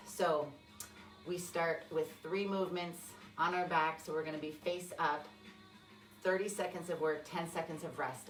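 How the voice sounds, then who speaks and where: A middle-aged woman leading a live workout class, giving short, encouraging instructions as she exercises. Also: low voice. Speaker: fitness coach leading a class. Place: large empty indoor room with high ceiling. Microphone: phone camera a few metres away. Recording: echoey room, far from mic, music behind.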